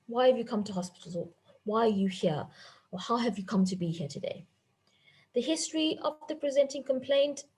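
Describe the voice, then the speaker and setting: A woman teaching a medical history-taking session, speaking in a clear, instructive way and repeating her key points. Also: mid-range voice, warm tone, poor audio. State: voice a bit off.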